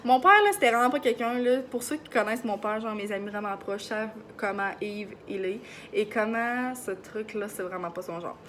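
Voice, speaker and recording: Excited young woman with a Beauce accent. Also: a little high, a little hiss or hum. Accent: Beauce Quebec French. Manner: fast, excited, chatty with many fillers. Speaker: vlogger. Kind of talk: casual chat to camera.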